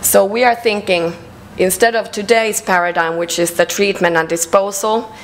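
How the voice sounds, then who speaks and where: A woman with a Finnish accent giving a conference presentation, measured and hesitant, with frequent fillers. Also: medium pitch, fairly even intonation, a little hiss or hum, rough recording. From Finland. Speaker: conference speaker. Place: conference hall.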